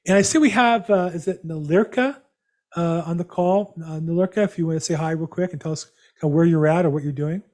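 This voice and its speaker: A man's voice: on the high side, a little fast, darkish tone. A man hosting a live real estate seminar over a video call, chatty and rambling with many fillers. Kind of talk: live webinar presentation.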